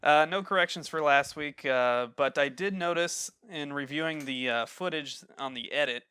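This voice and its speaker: A man hosting a casual podcast, opening the show and steering the chat with quick, upbeat questions. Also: a little high, bright, forceful tone, clean tone, no room sound. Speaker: podcast host.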